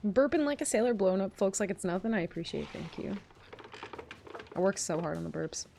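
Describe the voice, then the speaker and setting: Squealing, excitable woman game streamer. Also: medium pitch, fairly quick, vocal fry. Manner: playful, yelps and squeals when startled, voice cracks. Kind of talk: casual live gameplay commentary. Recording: noisy live stream audio.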